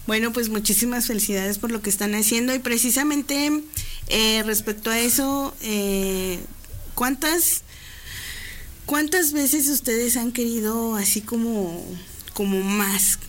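A woman's voice: fairly high pitch, a little slow, slight background noise. A woman interviewing a band in a chatty, teasing way, laughing often. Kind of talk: casual interview.

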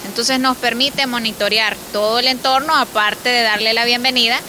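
A woman's voice: on the high side, steady tone, moderate pace, noisy background. A woman customs official explaining things by asking and answering her own questions. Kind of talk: interview explanation.

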